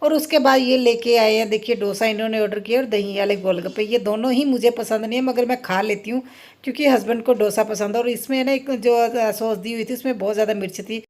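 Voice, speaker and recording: A middle-aged woman, chatting casually in a family vlog, playfully indignant and quick to laugh as she tells her story. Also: on the high side, darkish tone. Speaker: family vlogger.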